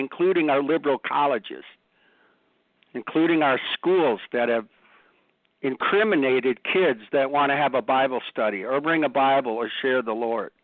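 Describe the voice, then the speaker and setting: A man's voice: medium pitch, no room sound. A man co-hosting a ministry radio show, blunt and rising to fervent emphasis. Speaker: ministry co-host. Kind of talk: impassioned radio commentary. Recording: dry, phone-like lo-fi line.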